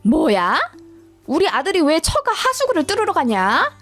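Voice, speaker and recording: A woman's voice: sits high, wildly swooping pitch, moderate pace, fairly bright tone, soft background music, pitched above the performer's own voice, full character voice. A woman voicing a nagging, indignant older mother-in-law in a dramatized story reading. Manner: indignant, scolding.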